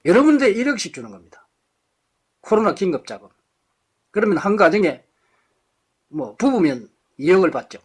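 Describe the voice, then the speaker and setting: High, lively-voiced man lecturing passionately. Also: moderate pace, long pauses, husky. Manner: impassioned, rhetorical questions, blunt insults. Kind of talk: political lecture to a live audience.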